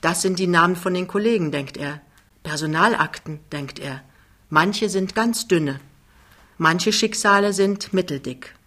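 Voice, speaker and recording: An audiobook reader narrating a novel in a measured, descriptive way. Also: medium pitch, sharp tone. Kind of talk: scripted narration.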